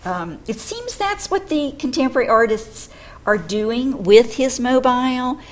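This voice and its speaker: A woman's voice: high-pitched, lively intonation, measured pace. A woman giving unscripted, explanatory commentary, speaking appreciatively and offering her own opinions. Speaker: art commentator.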